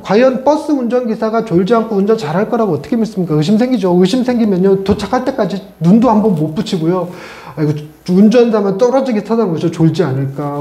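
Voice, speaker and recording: High-voiced pastor preaching in an echoey church. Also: male voice. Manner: conversational and animated, with playful asides to the congregation. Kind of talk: sermon. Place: church sanctuary.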